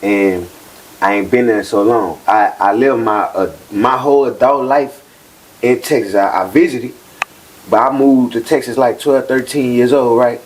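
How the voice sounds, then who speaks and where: Speaking unhurriedly in a medium-pitched, steady voice, this man in his thirties from New Orleans is a guest rapper in a casual interview. He's laid-back and candid, rambling loosely and leaning on "like" over and over. There's slight background noise on the rough recording.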